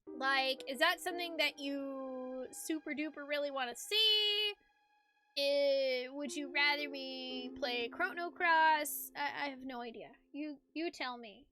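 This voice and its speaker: A woman with a high-pitched, sharp voice streams a game playthrough, chatting casually in a rambling, hesitant, informal way.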